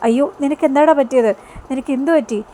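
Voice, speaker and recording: A woman's voice: high voice, fast, mellow, slight background noise, pitched above the performer's own voice, lightly acted. Brief: woman reading a heartbroken older schoolmaster, earnest and firm. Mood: worried. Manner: earnest, aggrieved.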